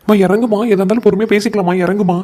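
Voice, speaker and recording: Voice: mid-range voice, steady tone, racing, heavy background noise, close to an everyday voice. A voice actor playing a meek young husband in a cartoon comedy, pleading and apologetic. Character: meek young husband caught between wife and mother.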